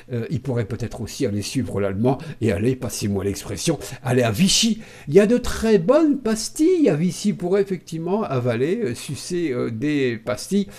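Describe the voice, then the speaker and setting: Sarcastic French commentator with a dark voice. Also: male voice, medium pitch. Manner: sarcastic, lively, with frequent hesitant fillers. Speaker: video commentator. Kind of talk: ranting political commentary to camera.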